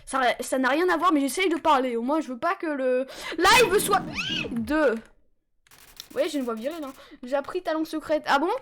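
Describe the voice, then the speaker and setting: A woman streaming a game live on a headset, chatting with viewers in a joking, excitable way with sudden yelps. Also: high voice, normal speed, a little hiss or hum. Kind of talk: casual live-stream chat while gaming.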